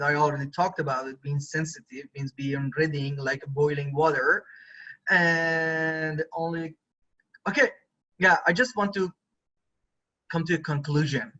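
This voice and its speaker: Male photography instructor, bright tone, conversational online lecture, muffled low-fidelity audio. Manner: conversational, often checks in with students. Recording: dull lo-fi recording.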